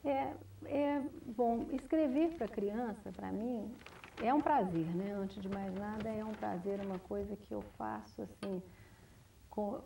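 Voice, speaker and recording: A woman writer, answering interview questions in a measured, reflective way, often restarting and adding "né?". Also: medium pitch, creaky, warm tone, a little hiss or hum. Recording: distant mic, 1990s TV studio recording.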